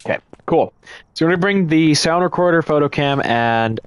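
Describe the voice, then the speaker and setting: A man's voice: fairly high pitch, expressive, normal speed, clear, resonant tone, no room sound. A man streaming a ghost-hunting game live, casually thinking aloud and explaining his moves to the chat. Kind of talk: live gameplay commentary.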